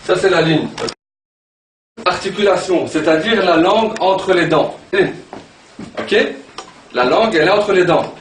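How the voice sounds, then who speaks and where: A man teaching a class in an animated way, sounding out letters again and again. His voice sits a little high, and he is picked up from across an echoey room with a faint hiss behind him. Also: a little slow, pauses often. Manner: animated, repeats sounds to demonstrate pronunciation. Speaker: Arabic teacher. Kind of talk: classroom lesson. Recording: echoey room from far off, background noise.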